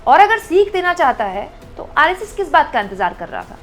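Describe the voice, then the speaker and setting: A woman with a high, bright-toned voice delivers political commentary to her audience. She presses her point through a string of pointed rhetorical questions, and soft music sits faintly underneath. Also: very animated, fairly quick. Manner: rhetorical questions addressed to viewers. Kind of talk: direct-to-camera political commentary.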